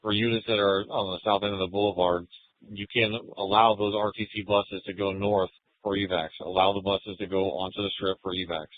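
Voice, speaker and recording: A man's voice: sits low, little pitch movement, fairly quick, no echo. A male officer passing procedural instructions over police radio on a narrowband scanner feed.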